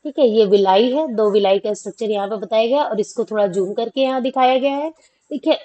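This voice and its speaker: A woman's voice: on the high side, brisk, warm tone, rough recording. A woman teaching a school science lesson, asking questions and answering them herself, with frequent check-ins to students. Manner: repeats questions and answers them, many "theek hai" checks. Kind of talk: classroom explanation of a class 10 lesson.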